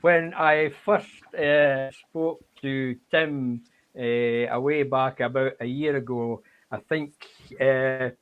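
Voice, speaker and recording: A man chatting casually in a hesitant, halting way. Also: medium pitch, fairly even intonation, clean tone. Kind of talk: casual chat. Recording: thin phone-like internet call.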